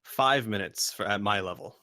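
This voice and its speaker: A man's voice: on the low side, moderate pace, pushed and bright, no room sound. A man playing a tabletop role-playing game, chatting casually and thinking aloud as he describes his moves.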